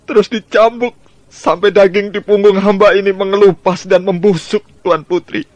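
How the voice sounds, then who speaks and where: A man's voice: high-pitched, steady tone, moderate pace, no room sound, highs cut off, close to an everyday voice. An actor playing a fearful old male servant who begs and sobs for mercy in a radio drama. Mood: sobbing pleas. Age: older. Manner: whining, begging, sobbing. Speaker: servant of the minister.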